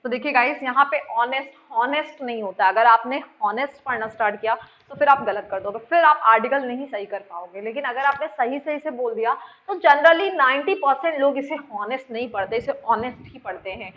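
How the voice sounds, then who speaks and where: A woman's voice: fairly high pitch, brisk, hardly any pauses. A woman teacher explaining grammar in a lesson, repeating points and quizzing her students with questions. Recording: dull lo-fi sound.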